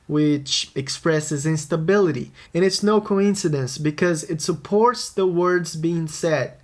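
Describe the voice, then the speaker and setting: A man, a music producer, narrating a scripted songwriting tutorial and answering his own questions. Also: on the high side. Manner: explanatory, posing and answering questions.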